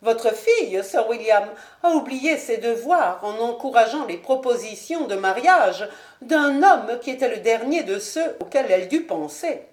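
Woman reading a high, commanding noble lady, sharp and disdainful, for a storybook; roomy room. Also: expressive, unhurried. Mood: imperious. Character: haughty proud noblewoman, imperious lady of the house. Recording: roomy home recording.

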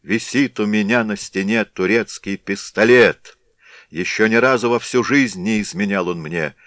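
A man's voice: fairly low pitch, expressive, slow pace, a bit bright, dry recording, clean studio sound, exaggerated voice. A man voicing a proud, fierce Cossack warrior who speaks in a stern, commanding voice. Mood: defiant.

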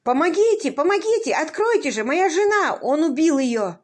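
A woman's voice: fairly high pitch, fairly quick, close to an everyday voice. A woman voicing a frantic, grief-stricken husband who cries out his pleas in an audiobook reading. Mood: hysterical. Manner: shrieking, sobbing pleas. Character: frantic grieving tall husband, hysterical.

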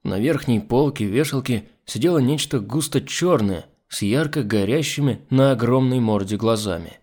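A man's voice: medium pitch, moderate pace. A man reading a first-person audiobook as narrator. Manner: lively first-person storytelling. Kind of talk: scripted narration.

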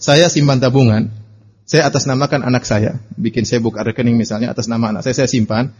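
A man's voice: medium pitch, steady tone, quick pace, darkish tone, breathy edge. A man giving a religious study lecture, answering questions in a conversational way and often tagging his sentences with "ya". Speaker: Islamic preacher answering questions. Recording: dull lo-fi lecture recording.

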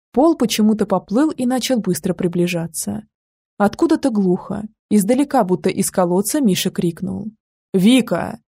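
A woman's voice: medium pitch, vocal fry, warm tone, husky, dry recording, studio quality. A woman narrating a first-person audiobook in an intimate, wry manner.

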